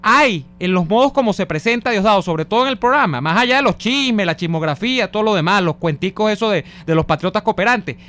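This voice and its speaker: A man's voice: high-pitched, lively intonation, a little fast, few pauses, a bit bright. A man with a Venezuelan accent co-hosting a radio show, reading listener messages and musing on politics. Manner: musing, discursive political commentary. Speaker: radio co-host.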